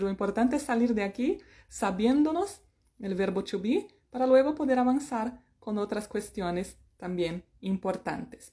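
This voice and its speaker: Slow, mellow-voiced Spanish teacher woman. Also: medium pitch. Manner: playful, sings snatches of songs and jokes about herself. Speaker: English teacher. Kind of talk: online English lesson in Spanish.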